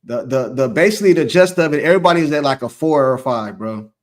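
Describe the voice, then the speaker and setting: A man's voice: mid-range voice, expressive, fast. A man hosting a loose, rambling sports talk show, reading from a live chat. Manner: loose, rambling, repeats himself. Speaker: host.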